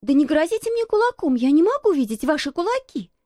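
A woman's voice: high-pitched, big pitch swings, quick pace, mellow, no room sound, clean studio sound, voice pushed up. A woman voicing a stubborn, outspoken young girl who talks in an insistent, indignant way.

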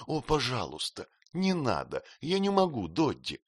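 A pouting, childish young wife, as a male reader puts her on, pitched well above his own low voice. She pleads and complains plaintively, her lines rising and falling a lot. The recording is dry and close. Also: very animated, unhurried, a bit bright, no echo. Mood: pleading. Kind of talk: audiobook character reading.

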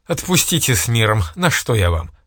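A man's voice: medium pitch, very animated, moderate pace, fairly bright tone, dry recording, clean studio sound. A man voicing a wailing old peasant beggar. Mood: pleading. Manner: wailing, begging, then gloating.

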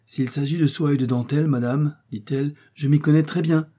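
Une jeune cuisinière effrontée et têtue, jouée par un homme, dans un livre audio, à la voix nettement remontée vers l'aigu, insistante et vive, sur un timbre sombre un peu voilé. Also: male voice, on the high side, steady tone, fairly quick, mellow, voice pushed up, natural voice. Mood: pert. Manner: pert and insistent. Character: bold, stubborn young female cook.

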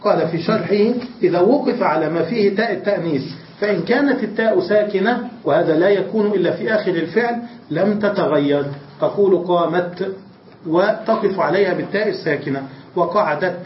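A man's voice: sits high, fast talker, a little hiss or hum. A man, a religious scholar, giving a classroom grammar lecture, asking questions and answering them himself. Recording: distant, roomy, dull lecture recording.

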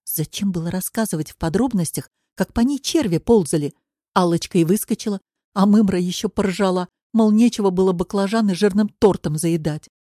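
Mellow woman reading an audiobook. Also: medium pitch, a little fast, no echo, studio quality. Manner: steady storytelling delivery. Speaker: audiobook narrator.

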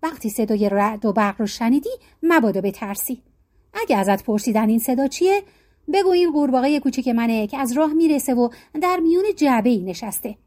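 A clever enchanted frog princess speaks softly and reassuringly, as a woman storyteller puts her on. The voice sits high and swings lively through each phrase, with a warm, mellow tone. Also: close to an everyday voice. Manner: soothing, gently comforting.

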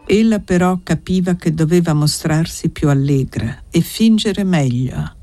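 An audiobook reader narrating a classic novel in a measured, even storytelling manner. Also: mid-range voice, no room sound, faint music behind. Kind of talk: literary narration read aloud.

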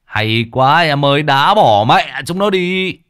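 A man's voice: on the high side, slow, clean tone, dry recording, clean studio sound, pitched above the performer's own voice. A man voicing a hot-tempered, foul-mouthed young football fan in an audio story. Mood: cheering. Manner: swearing, excitable.

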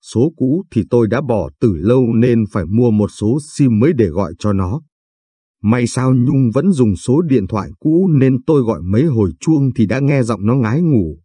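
Husky, warm male story narrator. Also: mid-range voice, moderate pace, no echo. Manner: calm, steady reading of a first-person story. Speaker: audiobook narrator.

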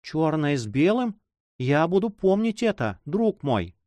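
A man's voice: on the high side, big pitch swings, a little slow, darkish tone, no echo, pitched above the performer's own voice. Man voicing an anxious young woman in love. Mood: anxious tender. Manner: pleading, fearful, tender.

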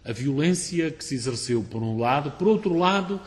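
A man's voice: a little high, expressive, moderate pace, a little mellow, big-room sound. A man who hosts a radio book program, often completing his guest's sentences. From Portugal. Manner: finishes the guest's sentences, frequent backchannel. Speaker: radio show host. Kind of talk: radio interview.

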